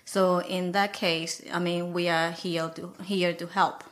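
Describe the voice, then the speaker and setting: A woman's voice: fairly low pitch, little pitch movement, a little slow, a bit bright. A woman practicing Oriental medicine, explaining in a casual interview, rambling with many fillers.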